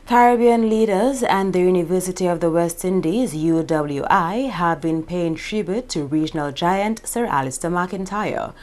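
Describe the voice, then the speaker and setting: A female news anchor reads the lead-ins in a slightly low voice. Her delivery is crisp and formal, as in scripted news. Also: normal speed, hardly any pauses, darkish tone, soft background music.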